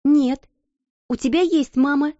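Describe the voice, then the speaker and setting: A woman voicing a kind but firm schoolgirl, gentle yet stern. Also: high-pitched, sing-song, normal speed, dry recording, highs cut off, voice pushed up. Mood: coaxing.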